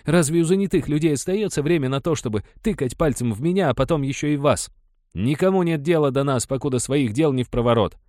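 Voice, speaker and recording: A man's voice: on the high side, fast talker, dry recording, clean studio sound, voice pushed up, lightly acted. A man voicing a defiant young tribesman. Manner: urgent, pleading then yelling.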